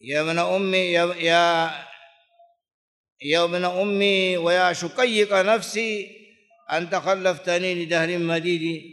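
A man teaches classical grammar in a rather high voice. He goes over each example form again and again and chants lines of old verse. His voice rings on in the long echo of a large hall. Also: level tone, measured pace, long pauses, a bit bright. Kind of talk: classical grammar lesson, explaining and reciting verse.

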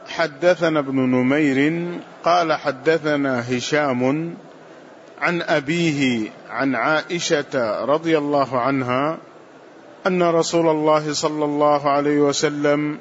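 Man reading classical text, measured and formal. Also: on the high side, lo-fi sound, a little hiss or hum. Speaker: student reading hadith text aloud. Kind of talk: recitation of classical hadith text.

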